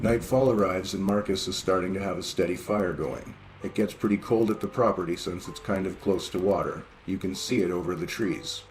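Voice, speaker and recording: A man with a very low voice narrates horror stories in a steady, even read. Faint music plays quietly beneath him. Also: a little fast, few pauses, poor audio. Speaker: story reader. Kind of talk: scripted horror story narration.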